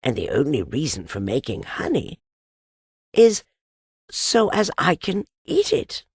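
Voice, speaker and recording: A woman voicing a simple, slow-thinking male storybook bear with a growly voice and a naive, ponderous manner. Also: low-pitched, huge pitch swings, slightly rough, no echo, clean studio sound, pitched above the performer's own voice, exaggerated voice. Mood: pondering. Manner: ponderous, naive reasoning aloud. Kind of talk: children's storybook character reading.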